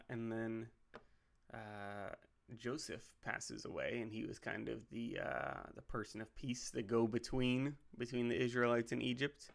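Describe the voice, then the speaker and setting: A man hosting a casual livestream who builds game characters while thinking out loud, rambling and making joking asides. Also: medium pitch, creaky. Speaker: pastor and livestream host.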